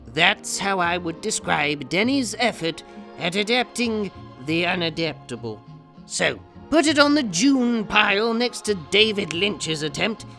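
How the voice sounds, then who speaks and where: Host voice: a woman delivering a blunt, crude comedy review, bright and animated. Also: fairly low pitch, vocal fry. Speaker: film reviewer.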